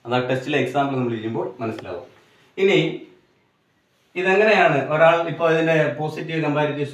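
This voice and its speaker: A man's voice: mid-range voice, recorded from a distance. Man, Malayali accent, grammar teacher, poses and answers his own questions, sits back from the mic, roomy room sound. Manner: slows right down to spell out English examples. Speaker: English teacher. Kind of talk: grammar lesson for exam students.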